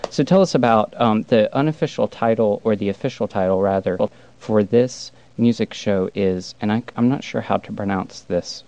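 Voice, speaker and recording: A man hosting a college radio show in a studio, announcing and chatting with a guest in a relaxed, slightly halting way. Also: fairly low pitch. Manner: relaxed, conversational, a little halting. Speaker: radio host. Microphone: studio microphone.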